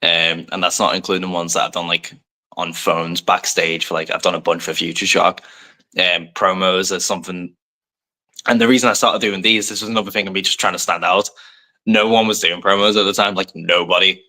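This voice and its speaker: A young professional wrestler from Liverpool, England, appears as a guest on a casual podcast interview. His low voice has a bright, forward edge, a level tone and a slightly fast pace, and his soft English accent carries light Americanisms. He rambles loosely, with plenty of fillers and self-deprecating asides.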